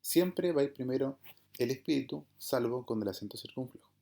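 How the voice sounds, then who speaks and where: A man teaching an online class in a dark, mellow voice at a middling pitch. His comes through as he explains each point step by step. He keeps checking that his listeners follow him. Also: expressive, fairly quick, vocal fry. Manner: patient, explanatory, checks understanding with "¿verdad?" and "¿bien?". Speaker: Greek teacher.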